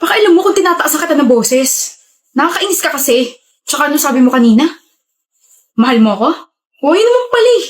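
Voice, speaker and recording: A woman playing a pushy, manipulative young boyfriend in a skit, talking in a lowered, menacing way. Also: fast talker, long pauses, lightly acted. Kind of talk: skit role-play.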